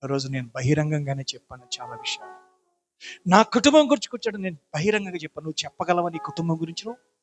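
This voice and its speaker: A man's voice: on the high side, lively intonation, fast talker, soft background music, rough recording. A middle-aged man, a pastor, preaching a sermon in church with impassioned prayers and rising, repeated pleas.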